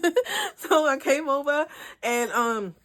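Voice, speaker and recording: A young woman, telling a story in a chatty, animated vlog. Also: mid-range voice, moderate pace. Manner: chatty, animated, frequent "like" and "whatever". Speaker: vlogger.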